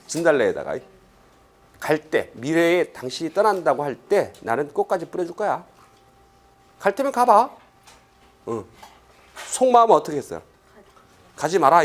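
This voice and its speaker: Lively male lecturer firing rhetorical questions. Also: a little high. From Korea. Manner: lively, fires rhetorical questions, acts out quoted lines. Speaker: Korean language exam lecturer. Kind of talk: classroom lecture.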